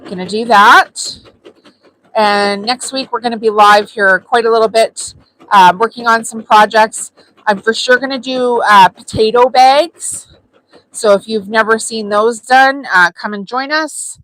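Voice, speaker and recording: A woman's voice: a little high, unhurried, fairly bright tone, low-quality recording. A woman hosting a live sewing tutorial, talking casually and chattily with frequent ums as she works. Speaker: sewing channel host.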